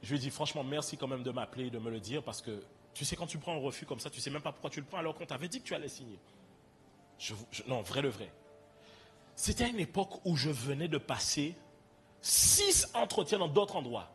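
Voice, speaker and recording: With lively intonation and a fairly quick, slightly bright medium-pitched voice, a young Antillean-accented preacher tells the congregation his own story in a conversational sermon. Soft music plays in the background.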